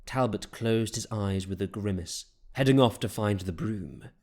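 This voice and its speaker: A man narrating a fantasy audiobook in a steady, measured storytelling voice. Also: on the low side.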